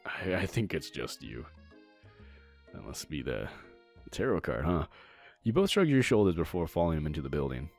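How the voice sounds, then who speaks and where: A man's voice: rumbling low, sing-song, normal speed, long pauses, faint music behind. A young man streaming a dating sim, reading the narration aloud and riffing playfully. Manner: playful, reads narration and riffs on it. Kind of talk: casual game commentary, reading aloud.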